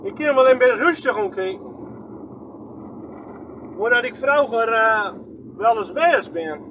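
A man's voice: extremely high pitch, lively intonation, unhurried, fairly bright tone, slight background noise. A man with a Groningen accent giving rambling, chatty running commentary from inside a moving vehicle, filming on a handheld phone and asking himself questions as he goes. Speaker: vlogger. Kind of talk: casual running commentary while driving.

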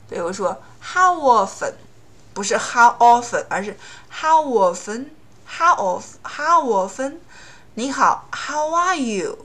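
A woman teaching English pronunciation, explaining rules in Chinese and slowly repeating English example words. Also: mid-range voice, fairly bright tone. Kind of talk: language lesson.

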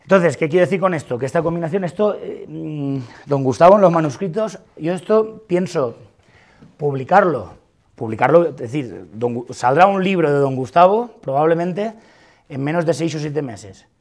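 A man's voice: on the high side, lively intonation, normal speed, darkish tone. A man giving a university lecture on philosophy of music, arguing emphatically and repeating words for stress. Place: large lecture hall.

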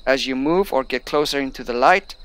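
A young man, not a native English speaker, plays a game as a streamer and reads the on-screen tutorial text aloud before drifting into casual chat. His medium-pitched voice is brisk and a bit bright, suiting the easygoing let's-play commentary.

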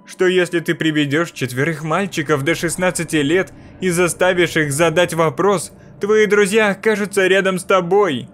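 A man voicing a sinister female spirit in a mirror, slow, loud and menacing. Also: high voice, fairly even intonation, soft background music, pitched above the performer's own voice. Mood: cold.

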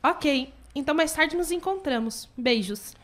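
An earnest young pregnant woman caught in forbidden love, acted by a woman for a radio soap opera. Her voice is high. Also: animated, measured pace. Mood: affectionate.

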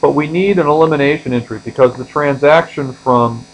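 A man with a fairly high voice speaks fairly quickly as an accounting instructor, giving an explanatory tutorial lecture that walks through on-screen examples step by step. He starts phrases firmly and lets them trail off at the ends. The recording is rough, with a steady mains hum.

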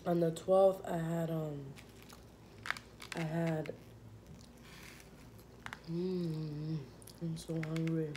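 Young woman doing a mukbang, slow lowish voice, chatty with lots of ums, faint room hiss. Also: level tone. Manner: rambling, many fillers, talks with mouth full. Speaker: vlogger. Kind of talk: casual mukbang chat while eating.

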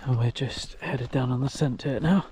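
A man's voice: medium pitch, moderate pace, dark tone, a little hiss or hum. Easygoing man narrating a travel vlog. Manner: easygoing, chatty, with filler words. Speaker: travel vlogger. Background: background music.

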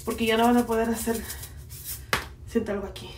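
A woman's voice: fairly high pitch, little pitch movement, fairly quick. A woman with a Mexican accent chatting playfully to her viewers while putting on a face mask. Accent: Mexican Spanish. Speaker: beauty vlogger. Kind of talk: casual chat while applying a face mask. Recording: echoey room, mic far off, faint noise.

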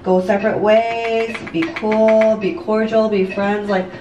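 Her voice is medium-pitched, fairly flat and unhurried as this vlogger and online business coach in her late twenties does her makeup in her bathroom, confiding casually in viewers. She rambles somewhat, says "like" and "you know" often, and swears now and then. Recorded on a distant camera mic in an echoey room, the sound has its highs cut off and background noise.

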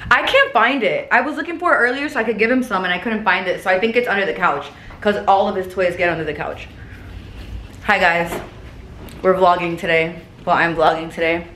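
A young adult vlogger with a lisp and whistling s sounds talks casually at home, her low-leaning voice fairly bright and a bit quick. The camera mic sits about an arm's length away, and the rooms are echoey with clear background noise.

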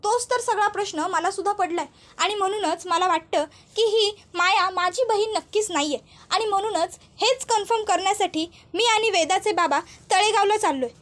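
A woman's voice: very high-pitched, normal speed, a bit bright. A woman voicing an eager young heroine. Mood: urgent. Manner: eager, questioning. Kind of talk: storytelling voice acting.

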